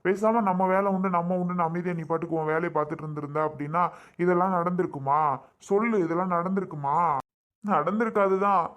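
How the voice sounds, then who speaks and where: A high-voiced man acting out a down-on-his-luck family man in a short drama skit. He talks in a pleading, complaining way, as if pouring out his troubles. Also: steady tone, quick pace, fairly bright tone. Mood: aggrieved.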